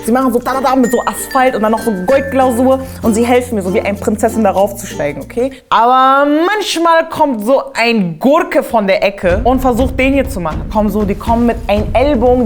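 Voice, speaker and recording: A woman host riffs through a comedic monologue with a fairly high voice. She is animated and slangy, and her talk is full of asides. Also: normal speed, soft background music. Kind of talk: comedic straight-to-camera monologue.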